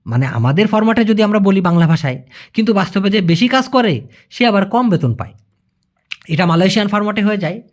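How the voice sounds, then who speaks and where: A man teaching a language lesson in a casual way, repeating phrases slowly and calling his viewers brother. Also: high voice, lively intonation.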